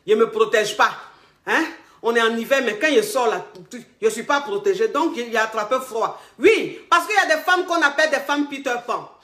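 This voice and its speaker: Fighting a cold and sore throat, an Ivorian-accented relationship coach talks to camera, emphatic and repetitive, calling her viewers darlings. Her fairly high, slightly bright voice is expressive and a little fast, heard in an echoey room.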